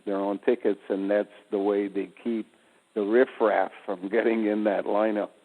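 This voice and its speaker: A man in casual conversation, giving slow, deliberate explanations of wordplay over the phone. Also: fairly low pitch, little pitch movement. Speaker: guest speaker. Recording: tinny phone line with reverb.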